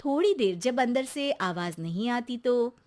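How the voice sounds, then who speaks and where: A woman narrating a scripted cartoon story in a measured way. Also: fairly high pitch, animated, darkish tone.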